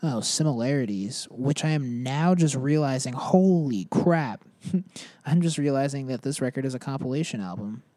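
Rambling young man, mellow dry voice. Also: mid-range voice, a little fast, hardly any pauses, no room sound. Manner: rambling, filler-heavy, laughs at himself. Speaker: podcast host. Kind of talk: casual music chat.

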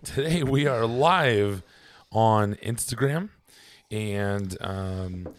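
A man co-hosting a podcast chats casually into a podcast microphone, his fairly low voice raspy and hoarse from laryngitis. He speaks haltingly, with lots of ums, and his sentences trail off quietly.

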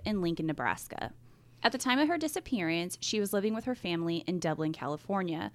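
A woman's voice: medium pitch, no room sound. A woman co-hosting a true crime podcast, telling the story conversationally with informal emphasis, speaking straight to listeners.

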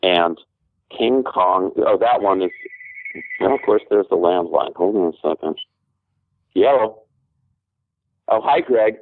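A man's voice: deep voice, lively intonation, a little slow, pauses often, dry recording. A man heard over a phone line, chatting casually and breaking off to answer a landline. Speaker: podcast guest. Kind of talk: casual chat. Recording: tinny phone line, dry.

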